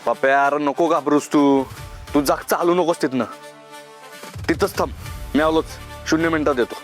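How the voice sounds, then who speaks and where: An actor playing a hotheaded, protective young man who talks briskly and reassuringly. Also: a little high, steady tone, soft background music, lightly acted.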